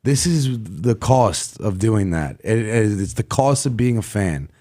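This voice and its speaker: Male co-host, lowish voice, blunt, opinionated sports chat. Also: expressive, measured pace, mellow.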